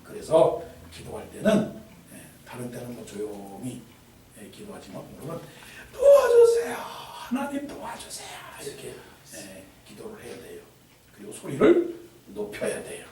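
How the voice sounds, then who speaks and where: A male pastor preaching a sermon with lively delivery, breaking into shouted cries and then dropping to hushed asides. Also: mid-range voice, moderate pace. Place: church sanctuary. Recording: echoey hall from far off, faint noise.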